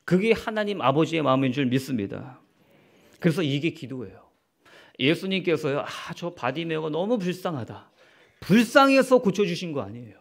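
High-voiced, animated male pastor preaching. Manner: rhetorical questions to the congregation; acts out quoted speech in the story. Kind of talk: sermon.

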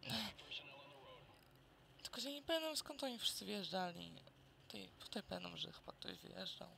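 A man's voice: high voice, very animated, normal speed, vocal fry, noisy background. A man giving muttered, sarcastic let's play commentary as he plays a shooter. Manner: muttering, sarcastic remarks to viewers.

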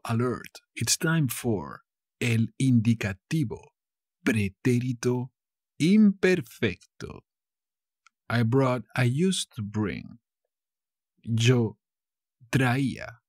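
A man with a Castilian Spanish accent teaching verbs slowly, with playful asides. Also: medium pitch, lively intonation, darkish tone, husky, no echo, clean studio sound. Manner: slow and drawn-out, playful asides. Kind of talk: slow language lesson, switching Spanish and English.

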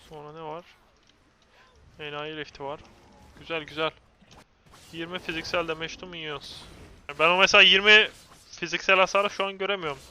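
A young man streaming a game, commentating live in an excitable way and ranting at and taunting his opponents. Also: a little high, normal speed, pauses often, a little hiss or hum.

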